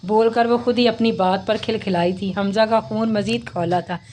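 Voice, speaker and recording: A woman's voice: medium pitch, normal speed, a little hiss or hum. Woman reading a novel aloud. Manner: steady reading with small slips. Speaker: narrator. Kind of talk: audiobook novel narration.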